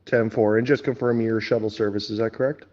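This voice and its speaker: A man's voice: lowish voice, fairly even intonation, fairly quick, a little mellow, dull audio. A man dispatching on a convoy trucker CB-style radio channel, using radio lingo with frequent uh fillers. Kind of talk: live radio channel chatter.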